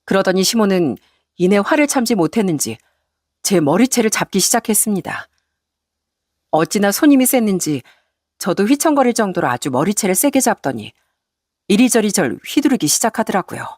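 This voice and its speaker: A woman narrating a dramatic first-person family story in an expressive storytelling manner. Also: medium pitch, normal speed, dry recording, studio quality.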